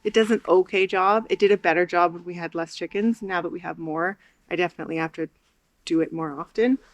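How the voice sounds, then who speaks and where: A woman's voice: fairly low pitch, brisk, no echo. A young woman chatting casually to viewers while doing chores outdoors by a chicken coop, with frequent ums. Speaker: homesteading vlogger. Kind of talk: casual vlog narration.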